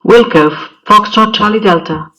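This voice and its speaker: A man's voice: sits high, moderate pace, pushed and bright, distant mic, rough recording. A man voicing a pilot's radio calls in clipped, formulaic phrasing, as if transmitted from a cockpit headset. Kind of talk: demonstrating aviation radio calls.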